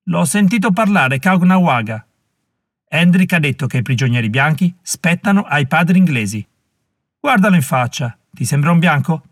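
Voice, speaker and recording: A man's voice: medium pitch, flat delivery, a little fast, few pauses, a bit bright, no room sound, studio quality, close to an everyday voice. A man reading an audiobook voices a proud male Mohawk warrior who argues scornfully and insistently.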